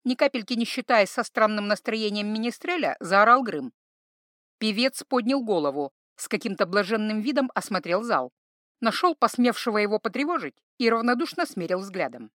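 A woman narrating a fantasy audiobook in an expressive, melodic reading style. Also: medium pitch, dry recording, clean studio sound. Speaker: audiobook reader. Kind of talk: storybook narration.

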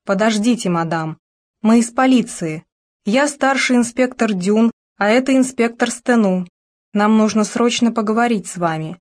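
A male chief inspector, formal and insistent, pressing for a word, read by a woman in an audiobook. The voice dips slightly lower than her narration. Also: normal speed, lightly acted.

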